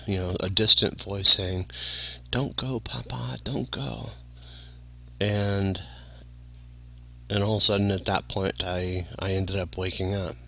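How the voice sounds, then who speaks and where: A man's voice: sits low, sharp tone, slight background noise. A tired man talking casually to the camera in a meandering monologue, full of fillers and restarts. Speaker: vlogger.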